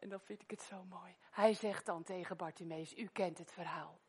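A middle-aged woman from the Netherlands preaching a sermon in a church, telling stories with loud exclamations and wearing a microphone. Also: lowish voice, moderate pace, husky. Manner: lively storytelling, loud exclamations, soft-spoken prayer. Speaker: guest preacher.

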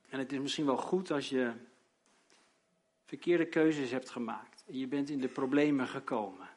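A man preaching a sermon, dramatic and emphatic, at times rising to loud outbursts. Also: mid-range voice.

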